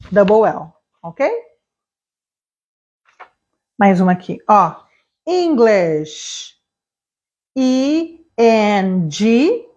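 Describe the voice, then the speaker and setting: A middle-aged woman teaches spelling with a fairly high voice and a slow, unhurried pace. She keeps asking if you follow and stretches each letter out. The sound is dull and lo-fi. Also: a little mellow. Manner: chatty, repeats "tá?" and "né?", spells letter by letter slowly. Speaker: English teacher. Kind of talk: spelling lesson to camera. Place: small town near a railway.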